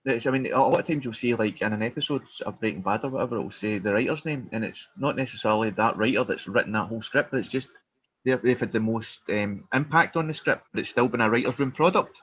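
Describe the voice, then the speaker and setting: Male stand-up comic, husky mid-pitched voice, casual rambling chat, self-deprecating, slightly dull lo-fi recording. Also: fast talker, fairly bright tone. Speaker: stand-up comedian.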